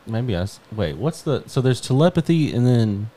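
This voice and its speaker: A man's voice: mid-range voice, very animated, normal speed, dark tone. A man chatting as a podcast guest, rambling and searching for words as he talks. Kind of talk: casual podcast chat.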